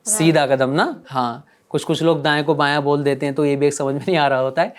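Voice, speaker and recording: A man teaching a religious lesson to children, gently coaxing them with repeated questions. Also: on the high side.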